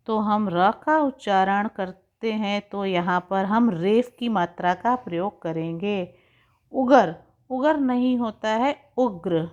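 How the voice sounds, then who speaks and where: A woman teacher giving a recorded lesson to young pupils, slowly spelling out and stretching sounds to show how words are said. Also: medium pitch. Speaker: primary school teacher. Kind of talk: slow, carefully articulated recorded lesson. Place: home, recording an online class. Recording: dull lo-fi recording.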